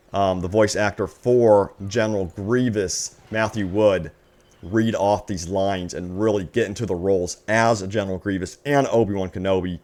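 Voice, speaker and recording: Speaking with a fairly low, slightly mellow voice, a man presents gaming news as an excited fan. He addresses viewers directly and draws out words for emphasis in an upbeat style.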